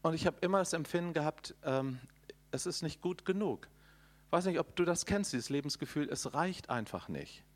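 A middle-aged man preaches a charismatic sermon. His voice sits a little high, and his delivery is folksy and animated. He addresses his listeners directly and adds sound effects. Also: normal speed. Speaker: preacher and conference speaker.

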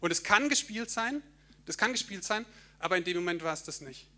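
Bright, high-voiced man telling a testimony. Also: fairly quick. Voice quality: expressive storyteller who laughs at himself and sings snatches of hymns. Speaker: church speaker sharing a testimony. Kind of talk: personal testimony in a church talk.

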